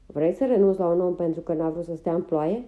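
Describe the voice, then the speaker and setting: A woman's voice: lowish voice, phone-quality sound, natural voice. A woman voicing a blunt, motherly older woman of a wagon train, firm and commanding, in an audiobook.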